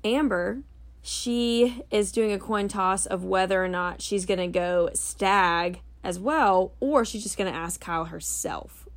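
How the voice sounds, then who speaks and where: A woman co-hosting a podcast, laying out story choices in a laid-back, drawn-out way. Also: mid-range voice. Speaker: podcast co-host. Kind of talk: casual improvised storytelling chat.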